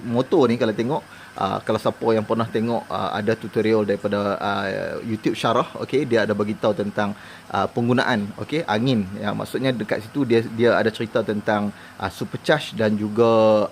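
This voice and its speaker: Kedah Malay man reviewing, noisy background. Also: fairly low pitch. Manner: colloquial, explains step by step. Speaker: motorcycle parts reviewer. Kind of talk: casual hands-on product review.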